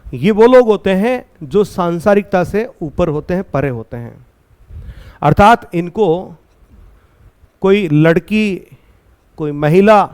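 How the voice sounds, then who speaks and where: Guy explaining a poem line by line, slow and deliberate, keeps asking questions. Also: sits high, darkish tone. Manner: reads English lines slowly, then explains with rhetorical questions. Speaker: teacher.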